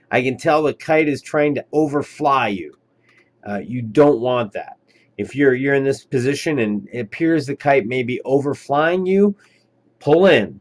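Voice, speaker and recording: Easygoing man coaching a kiteboarder. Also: medium pitch. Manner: easygoing, encouraging, halting with fillers. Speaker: kiteboarding instructor. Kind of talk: coaching commentary over lesson footage.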